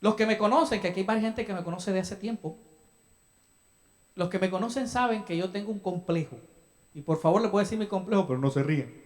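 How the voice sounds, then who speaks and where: A young man from El Salvador, a pastor, talks fast in a high voice while preaching a sermon in a church sanctuary. He engages the congregation with questions and acted-out asides.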